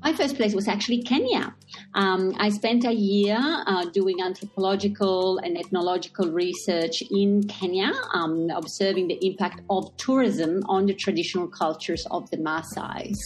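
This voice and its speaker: A woman's voice: mid-range voice, normal speed. A middle-aged woman from Italy, a guest speaking from a busy workplace, telling her story in a thoughtful, reflective way. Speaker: guest, social enterprise CEO. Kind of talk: remote interview conversation.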